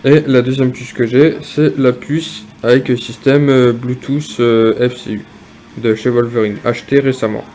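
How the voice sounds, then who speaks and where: A man casually demonstrating and reviewing a piece of gear, speaking hesitantly with frequent pauses and fillers. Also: mid-range voice, fairly even intonation, a little mellow, slight background noise. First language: French. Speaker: product reviewer.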